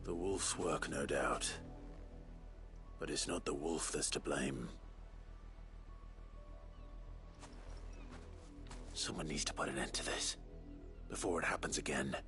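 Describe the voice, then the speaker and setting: Grim stern game hero, really really deep voice, defiant and brooding, bit of music behind. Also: male voice. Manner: low, stern, deliberate. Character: brooding, defiant young man, a grim branded warrior. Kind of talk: video game voice acting.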